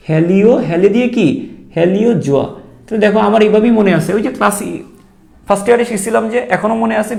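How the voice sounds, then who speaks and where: A man's voice: high voice, gravelly, a little mellow. A young man teaching an exam-prep lesson in a chatty, joking way and repeating the key points. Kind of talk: online exam-prep lecture.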